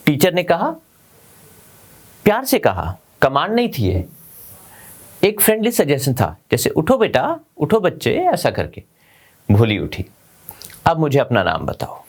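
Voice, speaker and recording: A man from India teaching an English story, explaining English words in Hindi and checking in with his class. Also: fairly high pitch.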